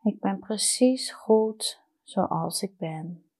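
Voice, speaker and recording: A woman guiding a meditation in a soft, soothing, unhurried manner with long pauses. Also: medium pitch, low-quality recording. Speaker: meditation guide. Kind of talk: guided meditation.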